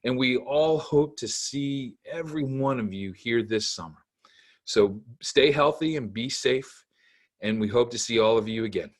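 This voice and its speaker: A man's voice: medium pitch, a little slow. A man narrating a children's storybook aloud, in simple storytelling meant for kids. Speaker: camp executive director reading to children.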